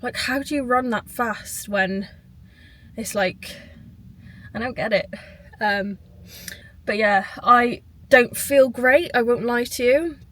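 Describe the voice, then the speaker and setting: A British running vlogger chats casually to camera, sounding tired and rambling a bit. Her voice is on the high side and a little bright, and she talks slowly with frequent pauses.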